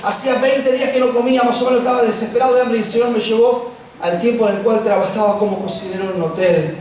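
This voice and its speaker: High-voiced Argentine pastor in echoey room. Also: male voice, fairly even intonation. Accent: Argentine Spanish. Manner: humorous storytelling, slows for emphasis. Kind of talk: sermon with personal stories. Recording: echoey room, distant mic, faint noise.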